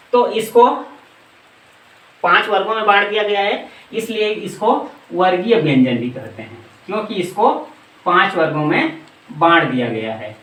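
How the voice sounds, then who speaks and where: A man teaching a grammar lesson, asking questions and answering them himself, and reciting letters slowly one by one. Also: sits high, a bit bright, recorded from a distance. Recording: echoey room, voice off-mic.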